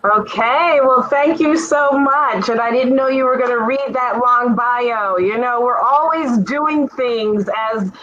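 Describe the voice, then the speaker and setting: A woman's voice: a little high, a little slow, few pauses, highs cut off, crowd noise. Chatty woman presenting over a video call. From Jamaica. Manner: friendly, relaxed, lots of "um" fillers. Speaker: webinar presenter. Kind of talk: informal presentation.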